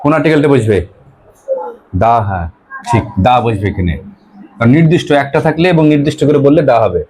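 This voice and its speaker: A man's voice: medium pitch, animated, a little mellow, slight background noise. A male teacher from West Bengal, teaching an English grammar lesson to a class, asking pupils questions and repeating their answers. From West Bengal, India. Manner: reads English examples slowly.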